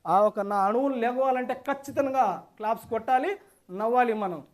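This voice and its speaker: A man's voice: extremely high pitch, moderate pace. A man standing in a hotel meeting hall, giving an enthusiastic, repetitive testimonial to a class. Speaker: seminar participant giving a testimonial.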